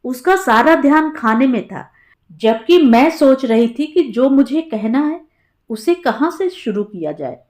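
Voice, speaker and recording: A woman narrating a story in the first person, in a calm, reflective storytelling manner. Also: sits high, measured pace.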